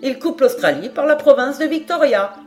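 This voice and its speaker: A woman reading aloud, voicing an excitable, absent-minded male geographer in a high, eager, exclaiming voice. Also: moderate pace, soft background music.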